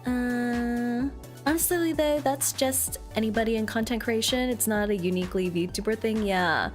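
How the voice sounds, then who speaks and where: High-pitched, cute anime-streamer woman over music. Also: moderate pace. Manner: playful, giggly. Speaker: VTuber streamer. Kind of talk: casual livestream chat, answering viewers.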